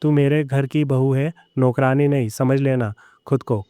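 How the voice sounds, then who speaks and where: A man voicing a proud, bitter older mother-in-law who softens, speaking in a sharp scolding way. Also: medium pitch, fairly even intonation, unhurried, smooth, no room sound, studio quality, close to an everyday voice. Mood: taunting.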